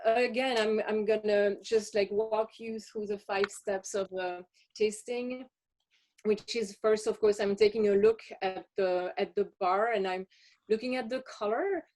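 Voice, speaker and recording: A woman's voice: medium pitch, steady tone, unhurried, a little mellow. Woman doing a chocolate tasting, chatty, kinda rambly, lots of ums. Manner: chatty, hesitant with many fillers. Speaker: chocolate taster. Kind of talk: guided tasting walkthrough.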